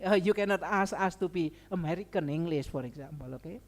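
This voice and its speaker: In a long, reverberant hall, a woman with an Indonesian accent lectures quickly in a fairly low, darkish voice. As a seminar speaker and language educator, she mixes academic content with informal asides and keeps checking in with "okay" and "right."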